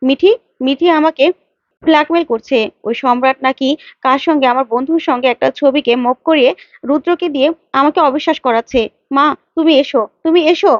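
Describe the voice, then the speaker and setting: Brief: a woman doing a sulky, quarrelsome young wife, high voice, dull lo-fi sound. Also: a little fast, no echo, close to an everyday voice. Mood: pleading. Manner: indignant, repeats herself, pleading to her mother. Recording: dull lo-fi, dry.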